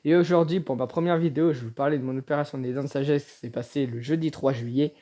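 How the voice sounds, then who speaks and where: A man telling a personal story in a casual vlog, in a halting way with frequent restarts. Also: mid-range voice, steady tone, dark tone. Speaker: vlogger.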